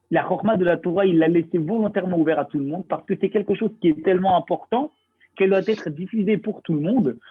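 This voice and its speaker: A man's voice: high-pitched, husky. A man giving a Talmud lesson, asking rhetorical questions and reading and translating Hebrew terms as he explains. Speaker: Talmud teacher. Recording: tinny phone-like line.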